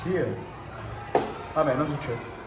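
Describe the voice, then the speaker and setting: A young man with a Neapolitan accent, bantering excitably in street slang and repeating words in quick bursts. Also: on the high side. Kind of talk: excitable casual game banter. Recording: echoey room with clear background noise.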